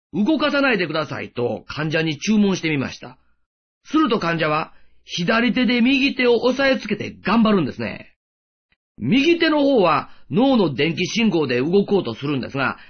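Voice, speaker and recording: A man's voice: high-pitched, husky, dull audio. A man delivering a sermon in an earnest, rising and falling preaching cadence. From Japan. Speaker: pastor.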